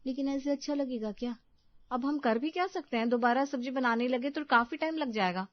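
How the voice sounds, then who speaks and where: A woman's voice: high voice, a little fast, dry recording, muffled recording, voice pushed up, natural voice. A woman voicing a young daughter-in-law who grumbles about housework in a cartoon story. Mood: complaining. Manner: complaining, chatty.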